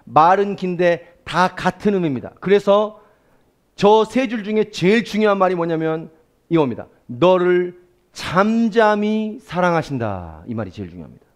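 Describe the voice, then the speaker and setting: A male pastor preaching a sermon, swinging between loud exclamations and hushed, almost whispered lines. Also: high voice, very animated, brisk.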